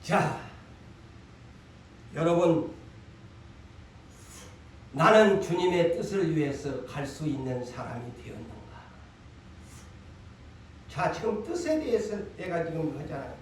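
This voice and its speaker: A male pastor with a Gyeongsang accent preaches a Sunday sermon in a fairly high voice. He hammers his points home by repeating lines and firing rhetorical questions. The sound is heavily echoey, and he is picked up from a distance in a large sanctuary. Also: big pitch swings, slow pace, long pauses, a little hiss or hum. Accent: Gyeongsang Korean. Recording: echoey hall, voice from far off.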